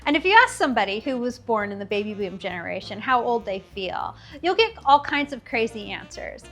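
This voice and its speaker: Woman, fifties, wry commentary host, laughs at her own jokes, higher voice, soft background music. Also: big pitch swings, brisk. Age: 50s. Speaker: video host. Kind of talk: scripted commentary monologue.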